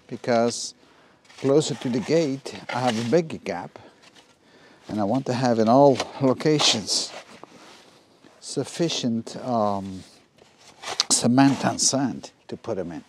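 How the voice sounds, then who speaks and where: A man's voice: medium pitch, measured pace, background noise. Practical man explaining his yard work. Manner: plain, practical, explains as he works with frequent ums and uhs. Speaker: DIY renovation vlogger. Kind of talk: casual step-by-step narration. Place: outdoors in a garden yard.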